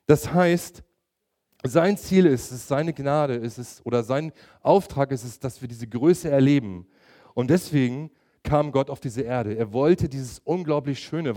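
A man's voice: medium pitch, mellow. A middle-aged man preaching a sermon, emphatic and asking his listeners direct questions.

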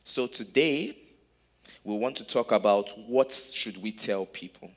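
A man from Nigeria preaching a sermon in English in short phrases, pausing so an interpreter can translate. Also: mid-range voice, animated. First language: not German.

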